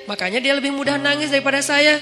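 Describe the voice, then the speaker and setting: A male preacher, giving an animated, humorous storytelling sermon and acting out dialogue. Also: very high-pitched, rapid-fire. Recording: long hall reverb with music.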